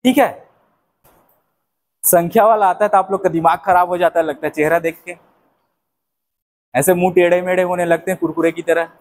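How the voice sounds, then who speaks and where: High-voiced man teaching biology. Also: fairly even intonation, a little fast, pauses often. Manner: asks questions and answers them himself. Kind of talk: classroom-style lecture.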